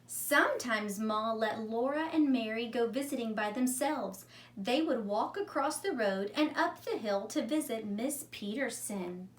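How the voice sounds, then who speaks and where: A female teacher leads children's story time in a fairly high, expressive voice at a measured pace, keeping the wording simple and questioning her young listeners. She's recorded from a distance in an echoey room with faint noise.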